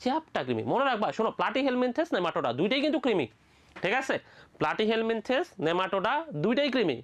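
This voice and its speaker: A teacher from Bangladesh giving a lively medical admission biology lecture, repeating each question, answering it, and checking in with the students again and again. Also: mid-range voice. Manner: colloquial, playful asides.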